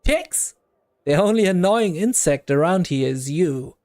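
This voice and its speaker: A man's voice: high voice, expressive, unhurried, a little mellow. A man voicing a snide, wisecracking floating male skull who mocks the people around him. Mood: mocking. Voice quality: snide, mocking.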